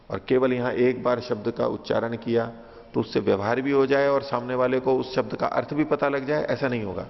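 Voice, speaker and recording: Gravelly-voiced man teaching scripture. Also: mid-range voice. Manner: recites a verse, then explains it with patient repetition. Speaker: teacher of philosophy. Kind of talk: line-by-line scripture lecture. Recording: dull lo-fi recording in a reverberant hall.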